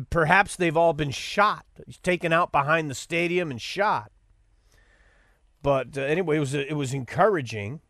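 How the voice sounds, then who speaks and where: Man, podcast host, sarcastic commentary, stumbling restarts, high voice, dry sound. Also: fairly bright tone, clear, resonant tone, dry recording. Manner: sarcastic, mocking; rambling with stammered restarts. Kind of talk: opinionated commentary monologue.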